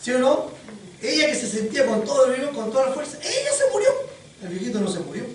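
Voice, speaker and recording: A preacher gives a sermon in an animated storytelling manner and keeps quizzing the congregation. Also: sits high, fast talker. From Chile. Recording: very echoey hall, distant mic, faint noise.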